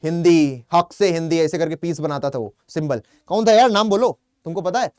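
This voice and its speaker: A man's voice: fairly high pitch, normal speed, darkish tone, clean tone, no room sound, studio quality. A young man with a Hindi accent teaching an online English vocabulary class, chatty, calling students "beta" and asking and then answering his own questions. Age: young adult. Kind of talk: online exam-prep class.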